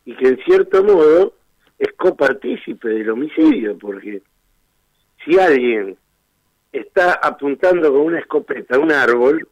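A man's voice: a little high, no room sound, highs cut off. A man with an Argentine Spanish accent, a defense lawyer arguing his case insistently in a radio interview, firing off rhetorical questions.

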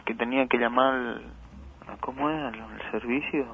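A grieving father, speaking in a halting, emotional way during a phone interview. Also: mid-range voice, fairly even intonation. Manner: halting, repeats words, emotional. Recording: tinny phone line with faint noise.

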